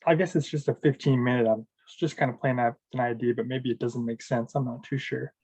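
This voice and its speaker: A man's voice: mid-range voice, fairly even intonation, fairly quick, a little mellow, breathy edge, dry recording. A man asking hesitant, unsure questions about a trade idea. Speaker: trading student asking questions. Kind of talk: casual questions in a call.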